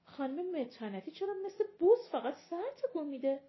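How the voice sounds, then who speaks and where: A woman's voice: high-pitched, lively intonation, lo-fi sound, voice pushed up. A woman voicing a restless young woman who makes dry, wry remarks, in an audiobook reading.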